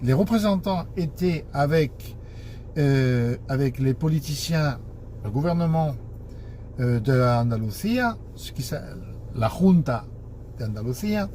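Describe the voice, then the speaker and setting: A man's voice: medium pitch, lively intonation, a little slow, dark tone, a little hiss or hum. A man giving an informal explanation in broken French, searching for words and making grammatical slips. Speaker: taxi association board member and spokesman.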